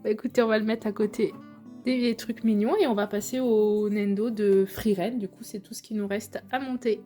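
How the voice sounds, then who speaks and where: A woman's voice: medium pitch, steady tone, brisk, mellow, soft background music. A young woman, chatting to viewers as she unboxes figures, gushing over how cute they are. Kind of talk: casual unboxing vlog.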